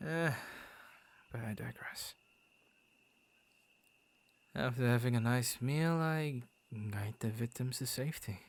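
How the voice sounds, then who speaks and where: A man takes things slowly, leaving long pauses, as he plays a shy, good-natured werewolf protecting his forest in an ASMR boyfriend roleplay. His mid-range voice sounds amused and chuffed while he stammers and plays it theatrical.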